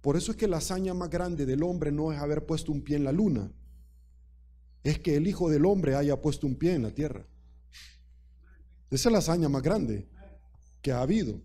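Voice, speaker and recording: A man's voice: on the high side, normal speed, long pauses, dark tone. A man preaching a sermon, speaking emphatically and repeating key phrases while addressing the congregation directly.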